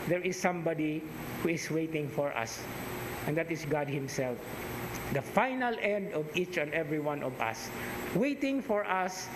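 A middle-aged priest with a Cebuano Filipino accent giving a conversational, teacherly homily, dropping into Cebuano asides. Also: male voice, high-pitched. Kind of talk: sermon. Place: chapel altar, indoors. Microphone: stand mic at pulpit. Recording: echoey church with background hiss.

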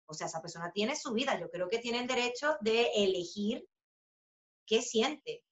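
Speaking from a home room with a book poster on the wall, this thirtysomething author and journalist with a Venezuelan Spanish accent fields interview questions in a lively, relaxed way, often restarting and using fillers. Her pitch sits on the high side at a normal speed. The webcam audio from the video call is roomy and a bit dull.

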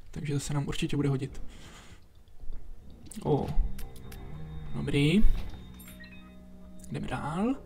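A man giving relaxed let's play commentary, chatting to himself and to the enemies as he plays. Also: a little high. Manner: chatty, talks to himself and to enemies while playing. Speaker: gameplay commentator. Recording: faint background game music. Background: game music.

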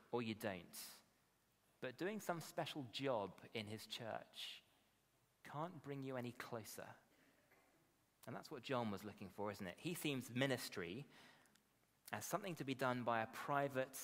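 A man's voice: mid-range voice, fairly bright tone. A British man in his thirties, a pastor giving a conversational sermon at a lectern, often turning statements into questions. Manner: conversational, frequent tag questions. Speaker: pastor, preacher. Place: indoor hall, at a lectern. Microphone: lectern gooseneck microphones. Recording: echoey hall reverb.

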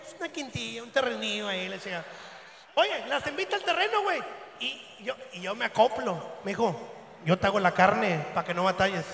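A man with a Mexican accent doing a crude, rowdy stand-up routine for a live crowd, often breaking into shouts. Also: very high voice, creaky, slight background noise. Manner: vulgar, rowdy, bursts into shouting. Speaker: stand-up comedian. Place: live show venue at a fair. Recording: echoey live hall with long reverb.

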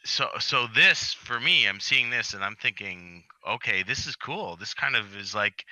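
A man chatting on an online panel, asking a question haltingly with many restarts. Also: on the low side, sharp tone, dry recording. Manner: hesitant, repeats words as he asks. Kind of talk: casual chat.

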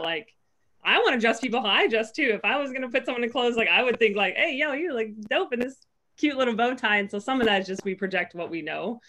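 A woman's voice: medium pitch, a bit bright. A young woman with a mid-range voice talks earnestly on a video call from home, thinking aloud through her points. She peppers her speech with "like" and slips into short playful voices when quoting her own thoughts. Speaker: panelist, pro basketball player. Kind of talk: panel discussion on a video call. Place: home room. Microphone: video call, laptop webcam.

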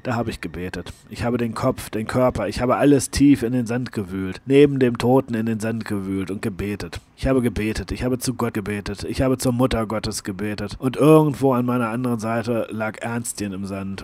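A man reading a first-person memoir aloud as an audiobook, dramatic at times and hushed at others. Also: on the low side, dry recording. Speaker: audiobook reader. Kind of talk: scripted narration of a memoir.

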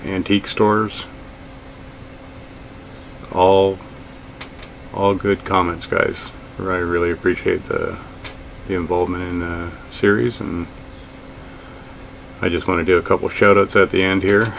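A middle-aged man in a small gear-filled room, talking casually to camera about budget outdoor gear, relaxed and plain-spoken with frequent fillers. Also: deep voice, measured pace, vocal fry, long pauses, a little hiss or hum, poor audio. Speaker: outdoors vlogger.

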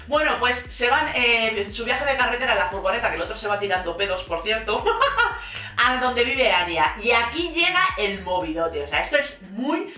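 Slangy Spanish woman, bright echoey voice. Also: a little high, big pitch swings, normal speed, soft background music. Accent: Spain Spanish. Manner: slangy, exasperated, sarcastic. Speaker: reality TV commentator. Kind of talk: casual recap commentary. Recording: echoey room, mic at a distance.

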